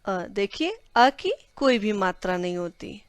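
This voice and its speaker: A woman teaching children, sounding out each letter and word very slowly. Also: mid-range voice, lively intonation, smooth, no echo. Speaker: Hindi teacher. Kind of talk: classroom lesson for children.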